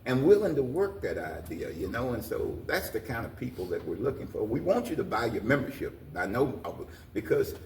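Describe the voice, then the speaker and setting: An older American man, president of a community organization, answers interview questions in a folksy, repetitive manner, urging listeners on in plain words. His medium-pitched voice is sing-song and fairly quick, with vocal fry and few pauses. The mic sits at a distance in a roomy space, picking up faint noise.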